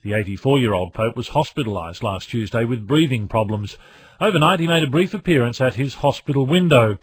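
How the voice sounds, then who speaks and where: A man's voice: medium pitch, animated, husky. Man presenting radio news. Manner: measured, formal newsreading.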